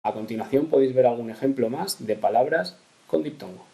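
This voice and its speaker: A man's voice: mid-range voice, brisk, vocal fry. A man from teaching a grammar lesson to young schoolchildren, patiently repeating each rule and giving examples. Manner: patient, repeats key rules. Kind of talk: explanatory lesson narration.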